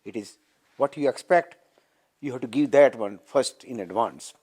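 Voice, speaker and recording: Man, Indian English accent, mellow dark voice, earnest explaining. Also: mid-range voice, moderate pace, breathy edge. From Baroda, Gujarat, India. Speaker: temple member. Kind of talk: documentary interview.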